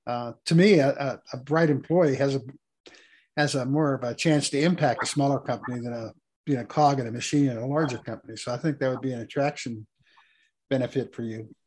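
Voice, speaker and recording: A man interviews a business guest in a relaxed, conversational way, often steering toward his point. His voice is hoarse and husky, at an ordinary middle pitch. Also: brisk. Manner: conversational, asks leading questions.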